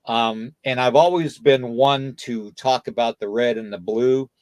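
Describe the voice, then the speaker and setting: A man hosts a casual podcast in a voice that sits at an ordinary middle pitch. He lectures his listener, punctuating nearly every point with "okay?" and "you know." The sound is dry and close, with no room echo. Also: a little slow, a little mellow. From United States. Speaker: podcast host.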